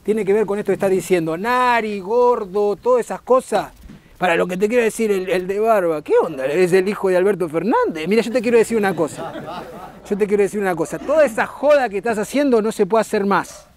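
A man's voice: sits high, brisk. A man with a Rioplatense Argentine accent, a puppeteer doing stage comedy who scolds his puppet in a crude, rambling way.

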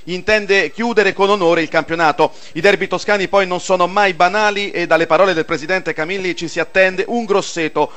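A man reports live on a football match for radio. He delivers line-ups and match details in a measured commentator's style. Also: sits high, steady tone, fairly bright tone.

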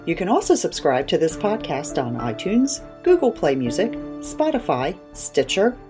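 A woman reading podcast credits in a measured, formal way. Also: on the low side, big pitch swings, music in the background. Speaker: podcast announcer.

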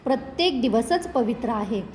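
A woman's voice: a little high, expressive, moderate pace, a little mellow, long reverb tail, slight background noise, lightly acted. A woman voicing a middle-aged village landlord who is proud and fearless in a read-aloud story. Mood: dismissive. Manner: brushing off warnings, then begging robbers.

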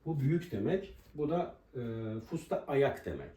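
A man teaching a language lesson at a board, explaining pronunciation and slowly repeating each example word. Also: on the high side, very animated, warm tone. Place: room with a writing board. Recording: roomy echo, voice from a distance.

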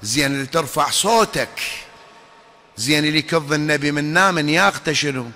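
High-voiced Iraqi man preaching emphatically. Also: a little fast, bright, forceful tone. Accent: Iraqi Arabic. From Iraq. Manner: emphatic, with rhetorical questions to the audience. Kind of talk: sermon. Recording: long reverb of a large hall.

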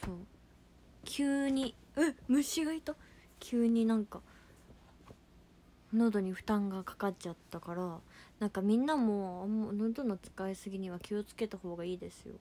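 Here an idol livestream host, a young woman, chats casually with plenty of filler words and responds to fan comments while reading them. She speaks at a normal speed in a mellow, mid-range voice.

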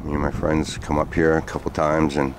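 This vlogger has a very deep voice and talks fairly quickly in a monotone. Walking outdoors on sandy trails near the woods, he tells a loose, rambling story packed with fillers, and faint outdoor noise can be heard in the recording.

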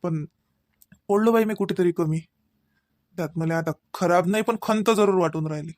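A man voices a gentle middle-aged father-in-law in an animated cartoon. He speaks. The voice is high and dry. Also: normal speed, dry recording, natural voice. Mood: consoling. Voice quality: gentle, consoling.

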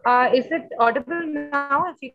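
A woman presents a library's building in a webinar over a video conference call. She explains at length and often pauses to search for her words. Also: high voice, music in the background. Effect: video conference call audio that drops out at times. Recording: dull dry video-call audio.

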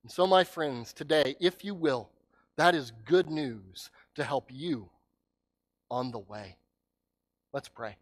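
A man preaching a sermon as pastor, telling a story dramatically and swinging from loud cries to hushed words. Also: medium pitch, animated, takes it slowly, pauses often.

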